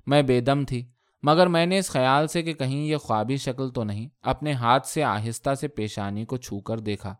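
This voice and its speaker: A man reads a first-person story aloud, measured and expressive. His voice sits at an ordinary middle pitch for a man. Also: smooth. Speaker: story reader.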